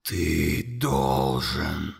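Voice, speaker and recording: A man voicing a huge, relentless monster in an audiobook, speaking in a low, slow, menacing whisper. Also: animated, gravelly, husky, in a large hall, heavily acted.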